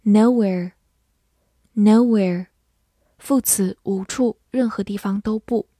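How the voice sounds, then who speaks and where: Slow, dry-voiced woman teaching vocabulary. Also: mid-range voice, dark tone, no room sound. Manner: slow, deliberate word-by-word drilling. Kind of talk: scripted vocabulary lesson.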